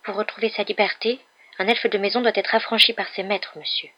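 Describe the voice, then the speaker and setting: A woman voicing a small male house-elf with a high, squeaky, humble voice, servile and tearful, in an audiobook reading. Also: fairly even intonation, a little fast, highs cut off, lightly acted. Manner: humble, overexcited, sobbing outbursts. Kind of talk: audiobook character voice.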